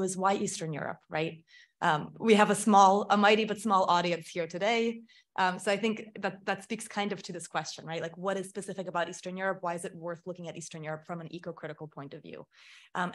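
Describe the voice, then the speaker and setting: A middle-aged Ukrainian woman, a film scholar, gives an academic panel talk in a lecture hall. Her voice is on the low side, and she comes across as thoughtful, full of small self-corrections.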